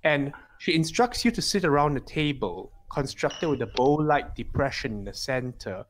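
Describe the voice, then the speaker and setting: A game master improvising scene descriptions for a tabletop game in a halting, hesitant way. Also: mid-range voice, lively intonation, slight background noise.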